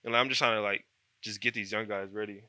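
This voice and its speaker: A man in his twenties from Columbus, Ohio, a college football player answering questions in an easygoing, soft-spoken way with many fillers. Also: on the low side, steady tone, quick pace, dry recording. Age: 20s. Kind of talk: casual interview chat.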